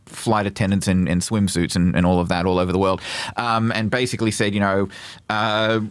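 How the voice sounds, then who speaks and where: A man co-hosting a podcast in casual chat, halting with many fillers and restarts. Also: sits low, little pitch movement, clear, resonant tone, dry recording. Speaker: podcast co-host.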